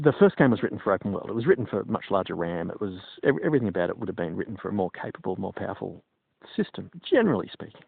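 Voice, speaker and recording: A man's voice: lowish voice, gravelly, no room sound. A middle-aged man and PC technician giving his opinions on gaming in a digressive, casual monologue. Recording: tinny phone-like sound, dry.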